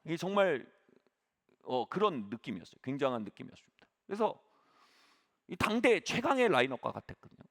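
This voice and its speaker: A man's voice: on the high side, sing-song, fairly quick, fairly bright tone. A middle-aged man preaching a sermon as pastor, telling a story with sudden emphatic rises.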